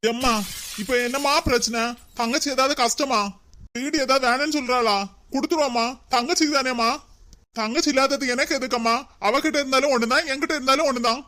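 A woman voicing a soft-hearted young husband in a cartoon, placating his family in a Kanyakumari Tamil accent. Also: high voice, a little fast. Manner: pleading, placating.

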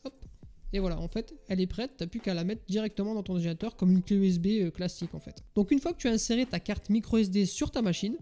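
Fast, casual tutorial guy. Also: sits high, mellow. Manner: casual, addresses viewer as tu, frequent "hein" fillers. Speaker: tech tutorial host. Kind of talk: screen-recorded tutorial narration.

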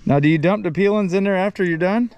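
A man's voice: sits high, fast talker, darkish tone, lo-fi sound. A man in his twenties hosting a casual cooking vlog at a fishing camp, chatty and teasing. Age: 20s. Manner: chatty, teasing, laughing often. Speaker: vlog host.

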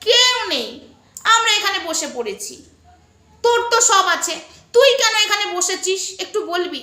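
A woman vlogger pours out a mocking, sarcastic rant aimed at a rival, jeering and scolding as she goes. Her voice sits high and sounds bright and sharp. The echo of a bare room rings around her. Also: big pitch swings, moderate pace. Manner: heated, spits and jeers.

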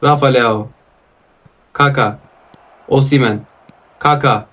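A man's voice: medium pitch, fairly even intonation, takes it slowly, a bit bright. A man giving live commentary on a mobile football game, calling out player names and ranting at his opponent in exasperation. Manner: calls out player names in short bursts. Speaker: mobile football gaming YouTuber.

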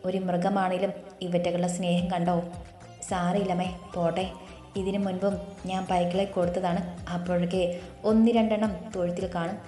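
A woman voicing a tired, grieving middle-aged mother who speaks low and wearily. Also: little pitch movement, moderate pace, mellow, echoey room, soft background music, natural voice. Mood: weary.

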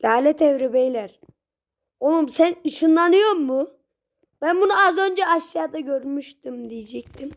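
A young woman giving casual gameplay commentary, chatty with her viewers and prone to sudden shrieks and yells at the game. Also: high voice, lively intonation, measured pace. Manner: chatty, talks straight to viewers. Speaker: gaming channel host.

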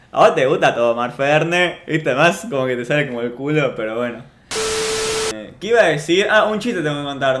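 A man's voice: on the high side, a bit bright. Joking Argentine man in a roomy echo. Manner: joking, mock-boastful rants to chat. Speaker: streamer. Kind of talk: casual stream chat.

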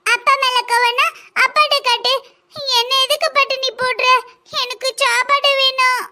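Cartoon role: a high, whiny schoolgirl with a southern Tamil accent, voiced by a woman. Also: level tone, moderate pace, sharp tone, exaggerated voice. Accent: southern Tamil (Kanyakumari-Tirunelveli). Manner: whiny and insistent, with a tearful edge. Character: hungry little schoolgirl, pleading and whiny. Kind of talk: cartoon voice acting.

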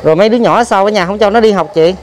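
A man with a Southern Vietnamese accent who hosts a vlog, interviewing gently and prompting with frequent soft acknowledgements. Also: sits high, rapid-fire, crowd noise. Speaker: vlog host.

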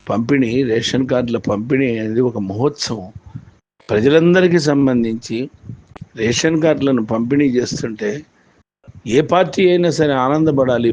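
A man retelling an event in storytelling commentary, animated and full of repetition. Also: mid-range voice. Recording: dull lo-fi with faint noise.

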